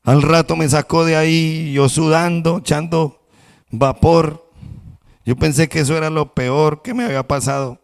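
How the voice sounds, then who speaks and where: A preacher putting on a whiny suffering clay cup. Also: male voice, on the high side, steady tone, moderate pace, vocal fry, voice pushed up. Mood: complaining. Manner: pleading, complaining, breathless begging. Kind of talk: sermon storytelling. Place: church.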